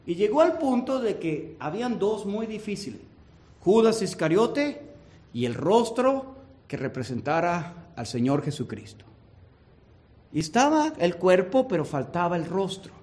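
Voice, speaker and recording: A male preacher telling a story in a sermon, dramatic and swinging from hushed to loud. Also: sits high, sing-song, normal speed.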